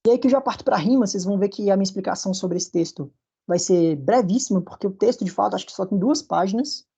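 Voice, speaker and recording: In a recorded university lecture over slides, a Brazilian Portuguese-accented man talks at a quick pace in a high, mellow voice with vocal fry and a breathy edge. He explains patiently and keeps checking in with his students.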